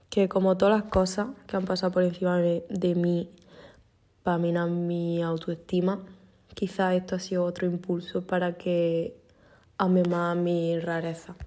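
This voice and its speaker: A woman from Andalusia with an Andalusian accent, giving a calm, thoughtful personal testimony. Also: lowish voice, unhurried. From Andalusia, Spain.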